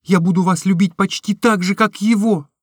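A man's voice: high voice, fairly even intonation, normal speed, husky, no room sound, clean studio sound, pitched above the performer's own voice. A man voicing an impulsive, lovestruck young woman in a storybook reading, with breathless, emotional exclamations. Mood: gushing. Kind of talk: audiobook reading.

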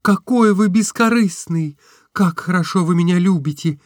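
Breathless lovestruck young woman in a classic novel read aloud, high and dry, played by a man. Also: moderate pace, darkish tone, dry recording, natural voice. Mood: gushing. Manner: breathless, emotional, rising exclamations. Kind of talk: audiobook reading.

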